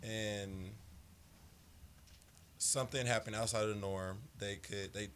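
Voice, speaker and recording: Lower-voiced man, animated podcast host. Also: unhurried, slight background noise. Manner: animated, restarts, hypes up his points. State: losing his voice. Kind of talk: casual group chat.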